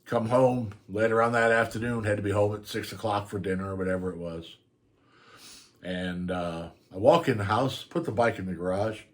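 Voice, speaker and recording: A man's voice: on the low side, fairly even intonation, normal speed. An older man telling a story on his channel in a casual, rambling way, often laughing as he goes. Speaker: vlogger.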